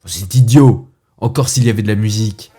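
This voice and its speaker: A man playing a fussy, indignant gentleman who rants with theatrical asides, as in a comic stage monologue. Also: lowish voice, fast, slightly rough, soft background music, pitched above the performer's own voice. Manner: huffy, ranting, theatrical asides.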